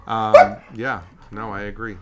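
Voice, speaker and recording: A man's voice: on the low side, little pitch movement, measured pace. A young man hosting a casual chat, rambling and self-correcting with a joking streak. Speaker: podcast host. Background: dogs.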